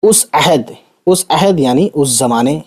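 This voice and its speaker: A man's voice: fairly high pitch, expressive, husky. A man from India teaching an Urdu literature lesson, who stops to explain each difficult word with simpler synonyms and English terms and keeps checking in with tag questions.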